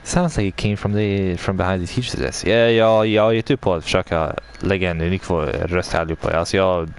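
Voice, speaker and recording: Lowish man reading game lines. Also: fairly even intonation, fairly quick, creaky, clean tone. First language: Swedish. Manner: laughing, self-correcting. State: dry mouth. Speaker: gaming YouTuber. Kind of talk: let's play, reading game dialogue aloud. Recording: game music behind.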